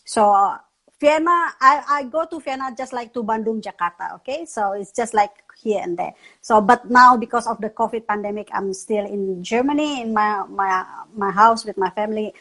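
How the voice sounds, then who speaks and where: A woman's voice: mid-range voice, normal speed, a bit bright, poor audio. A woman from Indonesia, speaking English as a meditation teacher in a casual online interview, often restarting her sentences. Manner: non-native English with restarts, laughs often. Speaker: meditation instructor, guest.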